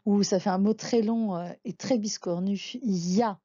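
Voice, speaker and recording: Slow, patient woman teaching a lesson. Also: medium pitch, fairly even intonation, warm tone, no echo, highs cut off. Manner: patient, spells out letters one by one. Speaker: Hebrew teacher.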